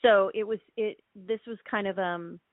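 A middle-aged woman from Hawaii, a winemaker chatting casually in an interview, relaxed with many ums and restarts. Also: medium pitch, moderate pace, no echo. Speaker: winemaker guest. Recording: thin phone-like line, dry.

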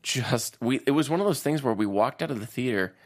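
Young man in casual movie talk, mid-pitch voice, animated and giggly, quick asides and tangents throughout. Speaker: podcast co-host. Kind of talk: casual movie review chat.

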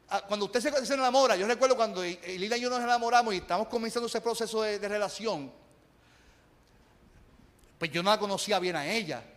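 A man's voice: high voice, a bit bright. A man in his thirties preaching a sermon, shifting from chatty storytelling to emphatic preaching. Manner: conversational storytelling with bursts of laughter, rising to emphatic preaching. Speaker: pastor. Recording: long hall reverb.

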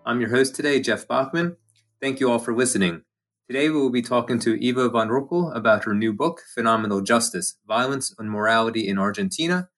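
A man from the United States hosting an interview podcast, asking questions in a measured, polite way. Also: lowish voice, fairly bright tone. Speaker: podcast host.

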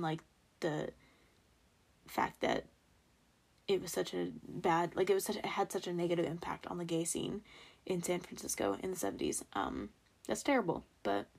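A woman's voice: lowish voice, creaky, husky. A young American woman hosting a true crime podcast alone in a casual, self-deprecating way, with some trouble pronouncing her R sounds. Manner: informal, self-deprecating asides. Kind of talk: casual solo podcast storytelling from notes.

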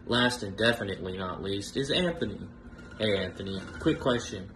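A man's voice: fairly low pitch, normal speed, background noise. A man delivering a casual, playfully mocking roast in a recorded video message.

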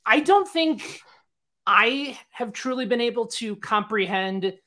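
A man's voice: extremely high pitch, animated, slow pace, pushed and bright. A man hosting a sports talk show, asking long conversational questions with plenty of fillers. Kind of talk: interview questions.

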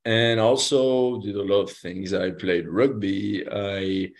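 Slow, gravelly man with French Basque accent. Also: on the low side, steady tone. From French Basque Country. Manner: hesitant, searching for words. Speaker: podcast guest. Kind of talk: casual interview answers.

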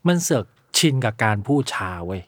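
A man's voice: lowish voice, very animated, fairly quick, a bit bright, no echo, clean studio sound. A man, a father and podcast guest, chatting casually and bluntly, swearing freely.

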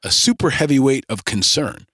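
A man's voice: mid-range voice, very animated, moderate pace, a bit bright, no echo, studio quality. Punchy man hosting a podcast. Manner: punchy, builds lists into rallying rhetoric. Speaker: podcast host. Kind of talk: scripted podcast monologue.

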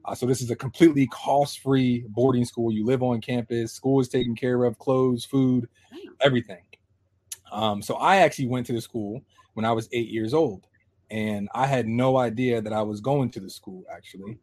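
A man in his thirties from Pennsylvania, a guest telling his life story in a casual, animated way. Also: medium pitch, normal speed. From Harrisburg, Pennsylvania. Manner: lively, animated storyteller acting out quoted voices.

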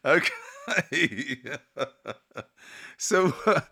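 Enthusiastic male interviewer, lively pitch. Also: gravelly, husky, dry recording, studio quality. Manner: enthusiastic, eager questions. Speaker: interviewer, vlog host. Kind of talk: casual interview.

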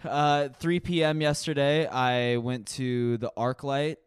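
A man's voice: mid-range voice, level tone, slow pace, clean tone, no echo, studio quality. A man co-hosting a comedy podcast, chatting casually with emphatic, profane joking.

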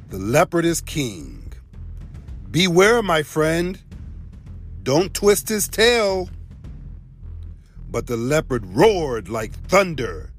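A man narrating a folk tale, telling it in an expressive storybook style. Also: medium pitch.

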